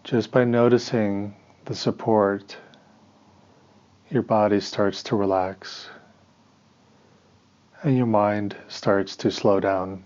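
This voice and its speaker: Here a man guides a meditation in a fairly low, darkish voice with a steady tone. He delivers calm, measured instructions in brief phrases with pauses in between, recorded on dull audio.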